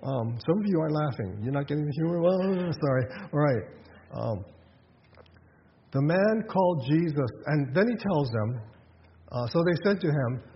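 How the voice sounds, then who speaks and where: A man's voice: a little high, long reverb tail, lo-fi sound. A man preaching a sermon in a conversational way, with rhetorical questions and frequent restarts. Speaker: pastor.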